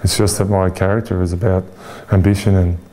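Candid and reflective, this Irish interview guest in his forties has a low-sitting voice with a level, dark tone. He speaks with an Irish accent, pausing frequently amid fillers and restarts.

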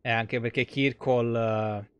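A game streamer in his thirties with a Roman Italian accent chats casually through live gameplay, his talk slangy and meandering. His voice sits at a medium pitch, with a steady tone and a slow delivery.

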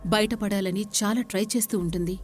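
A woman's voice: medium pitch, fairly even intonation, a little fast, a little mellow. Woman telling a horror story over music. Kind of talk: dramatic horror story narration.

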